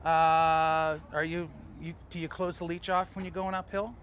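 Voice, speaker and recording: A man coaching sailors on sail trim, talking in an animated, storytelling way with chuckling asides. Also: on the high side, moderate pace, slight background noise. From Canada. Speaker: sailing coach. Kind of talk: outdoor teaching talk.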